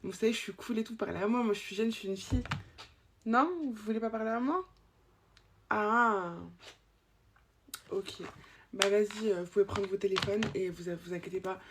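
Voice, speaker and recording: A woman performing a point-of-view comedy sketch as a chatty young school supervisor, teasing and gossiping with pupils, swinging between loud scolding and soft confiding asides. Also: mid-range voice, steady tone, moderate pace, long pauses, background noise.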